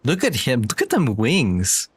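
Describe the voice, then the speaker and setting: A man's voice: medium pitch, huge pitch swings, measured pace, husky. Young man giving casual game commentary. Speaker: game streamer.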